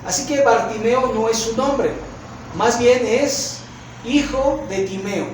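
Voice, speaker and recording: High-voiced Mexican pastor in an echoey hall. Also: male voice, takes it slowly, a little hiss or hum. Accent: Mexican Spanish. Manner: preaching with dramatic acted shouts and rhetorical questions. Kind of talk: sermon. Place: church sanctuary. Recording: echoey church hall from far off.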